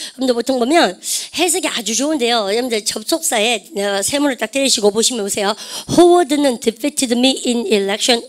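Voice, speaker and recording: A woman English teacher lecturing exam students on vocabulary, often asking the class questions and having them repeat the pronunciation. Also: a little high. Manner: calls herself ssaem, keeps asking the class questions and drilling pronunciation.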